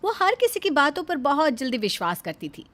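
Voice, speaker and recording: A woman telling a scripted story with a steady, measured delivery. Her voice sits high. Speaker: narrator.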